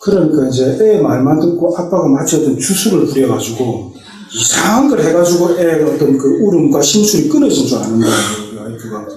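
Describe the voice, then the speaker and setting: Middle-aged man, deacon giving a church testimony; mellow, storytelling delivery, echoey hall, distant mic. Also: on the high side, big pitch swings, fairly quick. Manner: storytelling, acting out family dialogue. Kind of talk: personal testimony told as a story. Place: church sanctuary.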